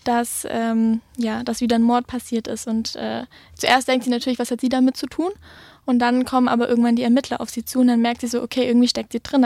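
A woman author talks through her novel in a high voice that stays fairly level. She pauses often and fills the gaps with filler words. The sound is dry and close. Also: creaky, darkish tone, no echo. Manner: hesitant, frequent filler words. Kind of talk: interview answers and reading aloud.

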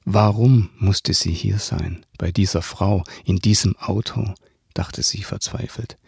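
Gravelly low-voiced man reading aloud. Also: fairly even intonation, unhurried, a little mellow, dry recording, clean studio sound. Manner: thoughtful, with frequent restarts and throat clearing. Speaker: author reading from his book. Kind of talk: interview talk and book reading.

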